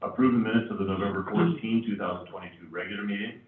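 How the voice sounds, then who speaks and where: A man chairing a formal meeting in podium-speech manner, reading out procedural business. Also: very fast. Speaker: presiding council chair. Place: city council chambers. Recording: boomy echoey hall, distant, tinny, faint noise.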